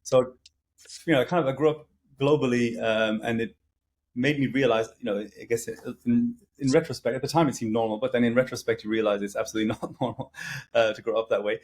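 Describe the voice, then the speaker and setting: A man's voice: mid-range voice, fairly even intonation, fairly quick. A middle-aged man talking as an interview guest, casual and hesitant, with frequent fillers and restarts. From grew up in several countries.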